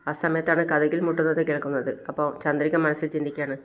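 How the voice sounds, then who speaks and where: Casual narrator recapping a tv serial episode, lively and dramatic. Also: medium pitch, fast.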